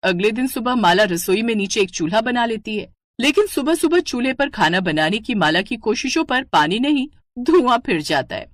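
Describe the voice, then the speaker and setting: A woman's voice: fairly high pitch, moderate pace, few pauses. A woman narrating a cartoon moral story. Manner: steady storytelling.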